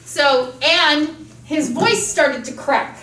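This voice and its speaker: A woman teaching a speech class in a chatty, fast-talking way, her tone bright and crisp. Her voice sits a little high. The sound is roomy and distant, with faint classroom noise behind her. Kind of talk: classroom lecture. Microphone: camera mic across a classroom.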